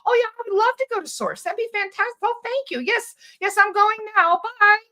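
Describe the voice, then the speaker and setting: A woman voicing a sly reptilian entity that fakes cheerful agreement in a high, sing-song, falsely eager voice. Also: animated, fairly quick, bright, forceful tone, exaggerated voice. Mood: mock cheerful.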